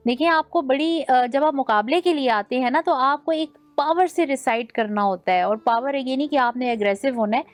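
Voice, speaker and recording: A woman's voice: high voice, few pauses, no room sound. A woman judging a naat recitation contest, giving direct critiques and sprinkling English words into her Urdu. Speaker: naat competition judge. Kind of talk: judging feedback.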